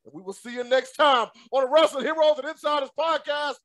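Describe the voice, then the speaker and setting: A podcast host conducts a casual interview, upbeat and slang-heavy, frequently breaking into laughter. His high voice moves fairly quickly with a fairly bright tone. It is recorded close and dry, with no room sound.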